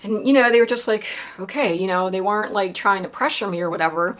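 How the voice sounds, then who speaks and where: A woman vlogger with a mid-range, fairly bright voice talks fast as she recounts a personal experience. Her casual, confessional monologue rambles, full of fillers and tag questions.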